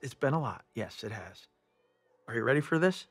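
A man playing an earnest, loyal young hero dog in an animated film, understated and sincere. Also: medium pitch, normal speed, husky, soft background music. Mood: sincere, resolute.

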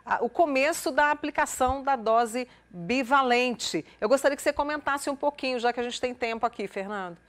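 Woman host, fairly high voice, friendly, interviews remote guest. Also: a little fast, hardly any pauses. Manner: friendly, addresses guest by name often. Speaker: morning show host. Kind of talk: live TV interview hosting.

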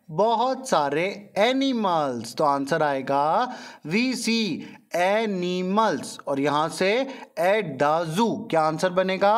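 A man teaches a children's English lesson, speaking slowly and stretching each English word. His voice sits fairly high for a man, and he repeats every question before he answers it. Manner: slow, repeating questions then answering them; drawn-out syllables on English words. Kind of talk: explaining a textbook lesson.

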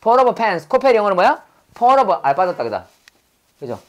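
A man's voice: sits high, very animated, measured pace. A middle-aged male pastor teaching English vocabulary, asking quiz questions and having the class repeat words after him. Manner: drills words, asks quiz questions, corrects pronunciation. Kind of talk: classroom lesson with call-and-response drills.

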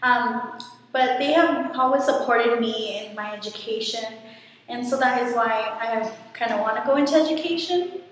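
A woman's voice: on the high side, moderate pace, distant mic. A young woman student gives an earnest, encouraging testimonial to a laptop webcam in a small room. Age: young adult. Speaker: first-generation college student. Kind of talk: short testimonial to camera. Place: small dorm room, indoors. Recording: echoey room, from the mic, faint hiss.

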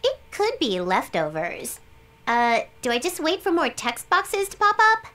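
A woman's voice: high-pitched, wildly swooping pitch, a little slow, fairly bright tone, faint music behind, exaggerated voice. A woman voicing a bubbly, scatterbrained and cheeky young girl heroine in an anime video game, playful and dramatic. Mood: curious, cheeky. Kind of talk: English video game voice acting.

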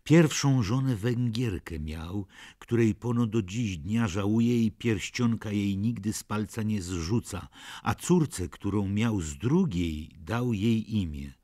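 A man voicing a fearful, pious old nursemaid in an audiobook, husky and confiding, with a sighing manner. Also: fairly low pitch, expressive, slow, dry recording, studio quality. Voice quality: husky, gravelly. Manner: sighing, hushed, confiding storyteller. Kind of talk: audiobook character reading.

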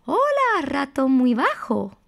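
Storybook: woman playing a tall, friendly boy mouse, high and lilting, sing-song greetings. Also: huge pitch swings, slow, vocal fry, fairly bright tone, heavily acted. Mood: cheerful.

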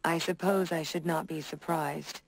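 A woman's voice: low-pitched, steady tone, creaky, slight background noise, poor audio. A woman voicing a bitter, vengeful female synth robot in a video game, speaking coldly and with contempt. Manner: cold, slow and measured, contemptuous.

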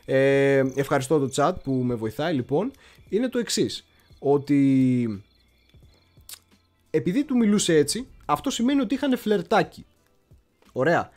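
Man, somewhat high voice, casual livestream host, digressive, hesitant pauses. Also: sing-song, a little mellow, faint music behind. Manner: chatty, digressive, often pauses to search for words. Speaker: history channel host.

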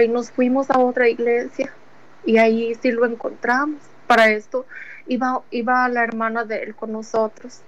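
A woman tells her personal faith testimony in a slightly high voice, full of feeling. She retells each conversation step by step, quoting what was said to her. The sound is somewhat dull and lo-fi. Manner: retells events with many quoted conversations, repeating "he told me"; earnest and emotional. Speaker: testimony giver.

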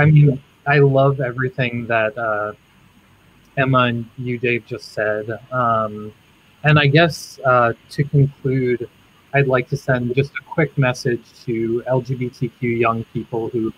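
A man with a husky voice at a middle pitch, speaking gently and sincerely as a crisis worker on a panel, with plenty of "um"s and "uh"s. The audio is muffled and lo-fi. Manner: gentle and sincere, with many fillers. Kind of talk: panel discussion.

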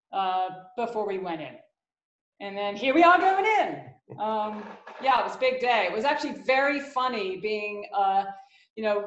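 A woman's voice: a little high, muffled recording. Woman on a video call, echoey room. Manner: hesitant, many fillers. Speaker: panelist. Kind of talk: casual panel discussion.

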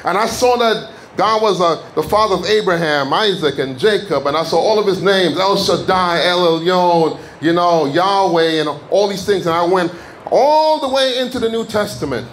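Fervent high-voiced preacher from Jamaica. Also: male voice, normal speed, slight background noise. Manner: fervent, building to shouted declarations. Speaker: guest preacher. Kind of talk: sermon testimony. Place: church sanctuary.

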